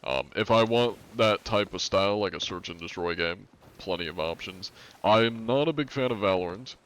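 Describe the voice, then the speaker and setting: This clip has a deep, resonant, clear male voice, a bit bright, at normal speed. He's a twentysomething streamer from the northern United States who chats casually while gaming, reads out chat, and rambles with lots of filler words.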